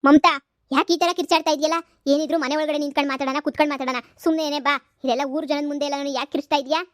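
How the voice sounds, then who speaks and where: Woman doing a landlord's wife, high and quick, placating, dry sound. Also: level tone, no echo, close to an everyday voice. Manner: placating, insistent. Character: rich landlord's wife, defensive and pleading. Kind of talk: cartoon comedy voice acting.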